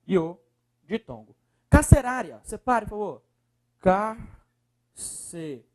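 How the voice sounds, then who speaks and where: A man with a Brazilian Portuguese accent teaching a video lesson, coaxing students and repeating words slowly syllable by syllable. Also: high voice, lively intonation.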